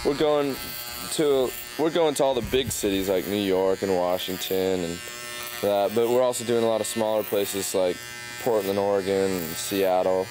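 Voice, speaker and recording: A man's voice: on the low side, moderate pace, background noise. A man in a casual interview, easygoing and rambling as he thinks aloud. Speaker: band member.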